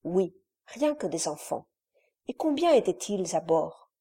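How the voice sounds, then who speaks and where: A woman reading a classic adventure novel aloud in a measured, dramatic storytelling manner. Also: on the low side, very animated, mellow, slightly rough. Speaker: audiobook narrator.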